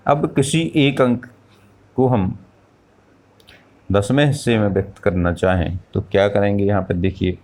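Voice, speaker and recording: A man with a lowish voice teaches a math lesson at a very slow, deliberate pace. He explains patiently, poses questions to the class and answers them himself, and counts aloud as he goes. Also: a little mellow.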